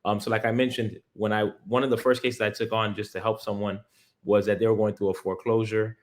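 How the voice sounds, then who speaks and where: A thirties-aged man from Miami, United States, speaks with an American accent in a fairly low, level voice at a slightly quick pace. As an interview guest, he explains things earnestly and step by step, using casual language.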